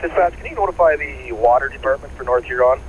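A man's voice: medium pitch, fast. A man speaking as a fire incident commander in terse, procedural police and fire radio traffic over a two-way radio. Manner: clipped, procedural. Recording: muffled, very noisy two-way radio transmission.

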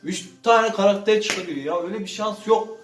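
A man doing casual gaming commentary as he opens loot boxes, swinging between low muttering and sudden loud outbursts. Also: normal speed, distant mic. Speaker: gaming channel host. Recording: roomy sound from off-mic with faint music.

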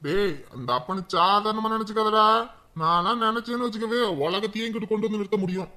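A man's voice: high-pitched, fast, sharp tone. A man playing a boastful, teasing husband and father in a family drama.

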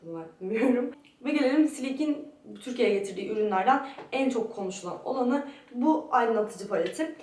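A young woman reviews products casually, in the manner of a beauty vlogger. Her voice sits on the high side. The room echoes strongly, and she sounds a little far from the microphone. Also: lively intonation, a little fast, a little mellow. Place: very echoey room in a friend's home.

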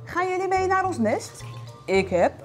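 A woman voicing a kind, grateful mother owl, warm and welcoming. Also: very high-pitched, big pitch swings, a little slow, soft background music, pitched above the performer's own voice, full character voice.

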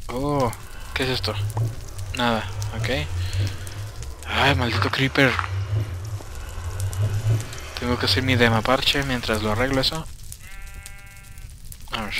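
A man hosting a gameplay video in casual commentary, reacting excitably with frequent yelps. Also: mid-range voice, background noise. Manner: excitable, yelps and exclaims often.

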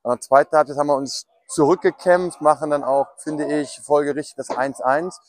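A man's voice: a little high, fairly even intonation, moderate pace, dry recording. A man giving a spontaneous post-match football analysis, reflective and hesitant as he works through his thoughts.

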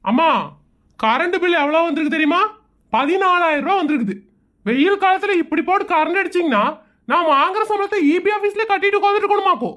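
A woman's voice: very high voice, lively intonation, fast, fairly bright tone. A woman voicing an exasperated cartoon husband. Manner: scolding, exasperated. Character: harried village husband, grumbling about money.

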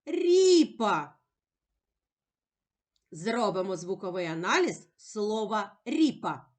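A woman teacher giving a slow, clear reading lesson to young children, stretching out the sounds in a sing-song way. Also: fairly high pitch, big pitch swings. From Ukraine.

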